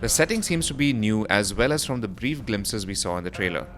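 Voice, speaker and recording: Presenting a gaming news roundup, this man reads a scripted voice-over fairly quickly, his fairly low voice a bit bright and lively in intonation. Music runs underneath the narration.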